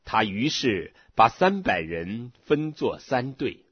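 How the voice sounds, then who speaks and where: A man reading scripture aloud in a slow, measured way, from a dull lo-fi recording. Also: medium pitch, sing-song, husky, dry recording. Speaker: scripture reader.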